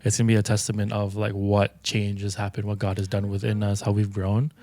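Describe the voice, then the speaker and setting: A young man co-hosting a casual faith-based chat, talking in a relaxed, reflective way and often restarting his sentences. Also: on the low side, fairly quick, dry recording. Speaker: co-host.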